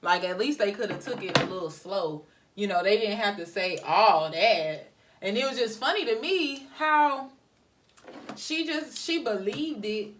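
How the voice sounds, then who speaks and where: A woman's voice: a little high, a little hiss or hum. A young woman vlogger chatting animatedly to viewers while doing her hair, telling a story about work. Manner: animated, talks to viewers as y'all. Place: home, getting ready. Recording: voice somewhat far from mic.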